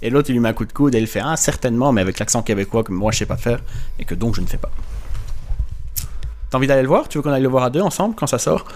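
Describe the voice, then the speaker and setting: A man with a mid-pitched voice recounts a show in casual chat. He rambles, restarting sentences and hesitating often as he goes. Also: lively intonation, rapid-fire, pauses often, a little mellow. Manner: rambling storyteller, many fillers and restarts.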